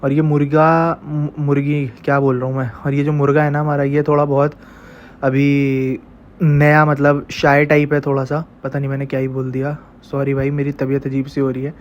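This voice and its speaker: The audio is dull with a little hiss or hum as a stuffy-voiced man talks his way through feeding his backyard goats and chickens for a casual vlog. Fairly high in pitch and monotone at a moderate pace, he keeps coaxing the animals directly.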